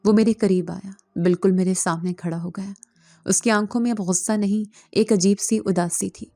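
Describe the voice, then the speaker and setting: A woman narrating a first-person horror story in a slow, dramatic scripted style. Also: medium pitch, fairly even intonation, warm tone, no echo, clean studio sound. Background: faint background music.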